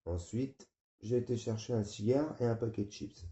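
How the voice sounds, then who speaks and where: A man reading a novel aloud in a flat, weary first-person narration. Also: mid-range voice, normal speed. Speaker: audiobook reader. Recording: muffled, roomy.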